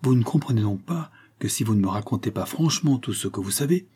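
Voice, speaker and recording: Brief: man voicing severe gentleman interrogator in an audiobook, husky, insistent. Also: medium pitch, expressive, fast talker. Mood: stern. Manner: severe, pressing tone. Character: stern, impatient gentleman glassmaker.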